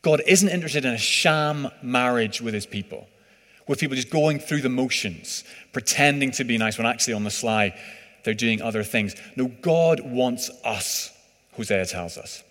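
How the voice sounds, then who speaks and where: A man's voice: mid-range voice, lively intonation, normal speed, a bit bright. A man preaching a sermon in a conversational, hesitant way, full of fillers. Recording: reverberant hall.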